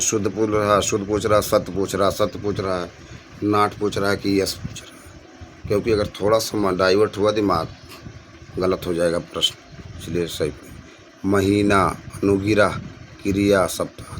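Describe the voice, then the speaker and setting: A man with a very low voice teaches an exam-prep spelling lesson. He reads each answer choice aloud and repeats words to stress the right one. Faint background noise and passing vehicles can be heard.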